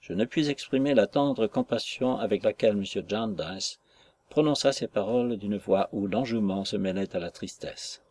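A man narrating a classic novel in a measured, literary storytelling manner. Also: lowish voice, darkish tone. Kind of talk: audiobook narration.

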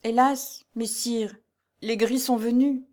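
A woman's voice: a little high, fairly even intonation, slow, darkish tone, voice pushed up. A woman voicing a pale, trembling young peasant girl in a storybook reading, pleading through tears. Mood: tearful pleading. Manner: tearful, stammering, imploring.

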